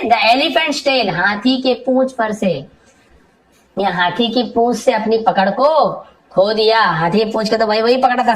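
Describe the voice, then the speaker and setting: A woman teaching English reading in Hindi, reading each English phrase slowly and then explaining it word by word, often asking and answering her own questions. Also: fairly high pitch, rough recording. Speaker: English tutor.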